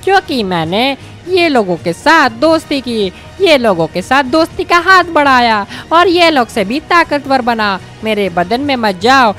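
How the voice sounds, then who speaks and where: A woman's voice: sits high, big pitch swings, unhurried, hardly any pauses, a bit bright, soft background music, exaggerated voice. A woman voicing a scrawny, vengeful male Hulk king in a game story, sneering and menacing.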